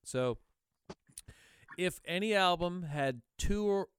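Laid-back host with a smooth, animated voice. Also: male voice, high-pitched, takes it slowly, no echo, clean studio sound. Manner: laid-back, swears casually, laughs often. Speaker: podcast host and band member. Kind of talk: casual chat. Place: home, over a video call.

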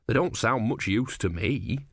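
A man's voice: mid-range voice, expressive, a little slow, fairly bright tone, no echo, clean studio sound. A man voicing a naive, earnest young male novice who sounds puzzled and innocent.

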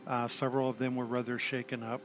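An older man, a retired army chaplain, telling his story in a halting, self-deprecating way with dry humor. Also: mid-range voice, flat delivery, fairly bright tone, soft background music. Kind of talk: conversational storytelling.

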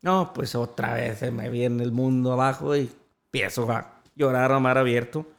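A man's voice: mid-range voice, steady tone, moderate pace, vocal fry. A man, an interview guest earnestly retelling a personal story and quoting the voices of others.

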